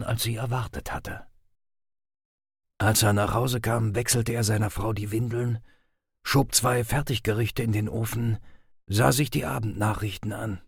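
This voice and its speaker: A man reading audiobook excerpts as scripted narration, with a measured, grave storytelling delivery. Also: mid-range voice, slightly rough, no echo, clean studio sound.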